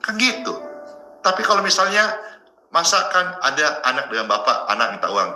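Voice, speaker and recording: A man's voice: fairly high pitch, very animated, moderate pace, sharp tone, echoey room, faint music behind, poor audio. A male pastor preaching a sermon to viewers in a chatty, joking way.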